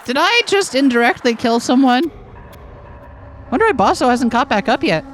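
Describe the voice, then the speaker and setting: A woman's voice: high voice, expressive, normal speed, a faint crowd, slight background noise. A woman voicing an anxious, sweary, sarcastic young heroine while reading a video game aloud. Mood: sarcastic, wary.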